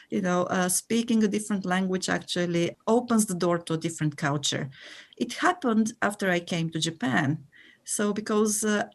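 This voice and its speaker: Woman, thoughtful guest. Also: medium pitch. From Bulgaria. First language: Bulgarian. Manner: thoughtful, searches for words and restarts phrases. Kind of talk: conversational interview answers.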